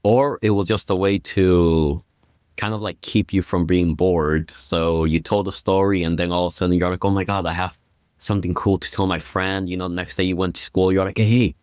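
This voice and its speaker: A man from Guatemala, a guest telling about his upbringing in a relaxed, rambling way with plenty of fillers. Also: deep voice, moderate pace, clear, resonant tone, dry recording, studio quality. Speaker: guest storyteller. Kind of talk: casual interview chat.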